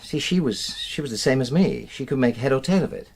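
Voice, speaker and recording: In a naturalistic radio drama, a man plays an aggrieved, defensive middle-class husband suspected of an affair, uneasy as he explains and justifies himself earnestly and emphatically, turning hesitant under questioning. His medium-pitched voice is animated, brisk, and darkish with a breathy edge.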